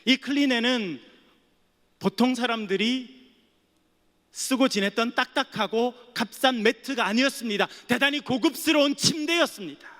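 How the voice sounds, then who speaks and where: This sermon comes from a male pastor from Geoje island, South Korea, who speaks at a moderate pace in a very high-pitched, slightly bright voice. He weaves humorous stories and playful jokes for the audience, recorded with long reverb in a seminary chapel.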